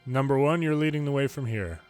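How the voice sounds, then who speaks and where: Brisk and mid-pitched, a man who reads game dialogue as a fan performs English cutscene lines with a touch of character acting. Faint music runs beneath his reading of the story.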